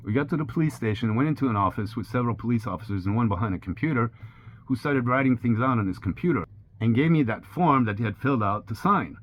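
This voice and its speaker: A man in his sixties, a native French speaker, talks fast in a mid-range voice. As a sailing vlogger, he tells the story of his own ordeal plainly and candidly, keeping a steady pace. The recording is slightly dull, with a faint hiss.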